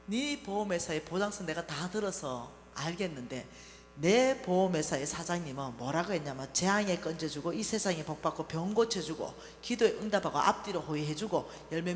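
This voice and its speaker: A woman voicing her elderly, devout and stubborn mother, speaking low and earnestly in quoted dialogue within a sermon. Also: lightly acted. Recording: echoey church hall, faint hum.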